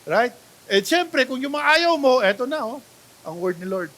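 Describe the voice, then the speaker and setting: A male pastor with a Filipino accent preaching a sermon, mixing Tagalog and English, swinging between loud exclamations and quiet asides and often checking in with the congregation. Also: very high voice, big pitch swings, moderate pace.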